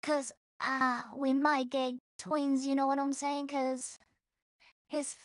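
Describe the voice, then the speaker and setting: A woman's voice: sits high, level tone, takes it slowly, no room sound, studio quality. A woman from El Salvador, rambling bluntly and profanely in a casual vlog monologue, often restarting her sentences. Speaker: streamer.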